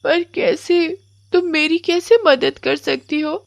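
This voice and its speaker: A woman's voice: high-pitched, steady tone, slow pace, vocal fry, no echo, studio quality, pitched above the performer's own voice, heavily acted. A woman voicing an unhappy, timid young girl who talks tearfully and pleads. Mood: fearful.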